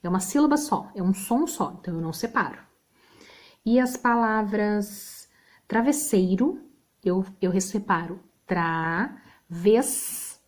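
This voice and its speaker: A woman's voice: medium pitch, lively intonation, unhurried, a little mellow. A woman with a Brazilian Portuguese accent teaching a remote spelling lesson, patient, checking in with the class often.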